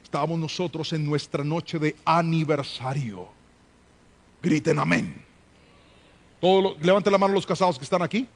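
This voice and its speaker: A male preacher with a high-pitched voice delivers a live church sermon. He is emphatic, hammers home repeated refrains and keeps calling on the congregation to respond. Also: normal speed, pauses often.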